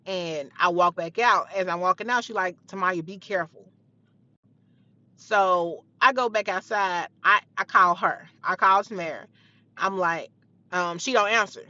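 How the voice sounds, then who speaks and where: A woman's voice: on the low side, a little slow, pushed and bright, dry recording, lo-fi sound. A young woman telling a heated personal story in a blunt, profane, casual way.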